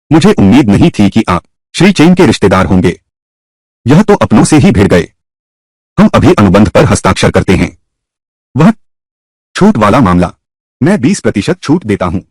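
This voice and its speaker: A man dubs a whole drama alone, voicing each role in turn. His voice is husky and his pitch swings widely between characters. The recording is dry and close. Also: no room sound. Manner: voices every character himself with shifting pitch. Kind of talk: single-voice dub of a drama.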